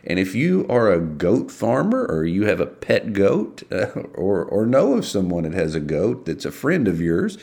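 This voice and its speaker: A man, casually hosting local radio news and announcements in a folksy, halting way. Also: sits low, big pitch swings, a little mellow. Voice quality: gravelly. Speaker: local radio show host.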